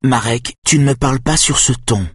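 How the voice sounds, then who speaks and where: A man voicing a calm, gentle woman. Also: medium pitch, moderate pace, slightly rough, dry recording, clean studio sound, pitched above the performer's own voice, natural voice. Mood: calm firm. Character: calm gentle woman, firm, softly smiling.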